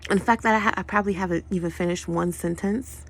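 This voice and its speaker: A woman's voice: on the low side, fairly even intonation, quick pace. A woman in a casual spoken monologue, sarcastic and profane, rambling through tangents and correcting herself mid-sentence. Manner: frequent self-corrections and tangents.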